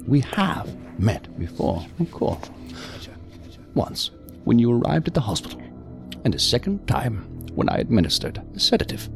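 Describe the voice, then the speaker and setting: In an audio drama, an actor voices a calm, evasive male psychiatrist, speaking in a measured, formal, unctuous way that comes across smooth and condescending. His mid-range voice is gravelly, with faint music behind him.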